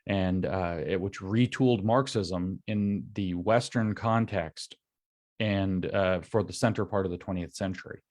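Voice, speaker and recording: A man with a low-pitched voice talks over a video call as a guest. He lectures in long, connected stretches, stringing points together with "and so" as he builds his case. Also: measured pace, a little mellow. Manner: long run-on explanations linked with "and so". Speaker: guest commentator. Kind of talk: explanatory lecture-style talk.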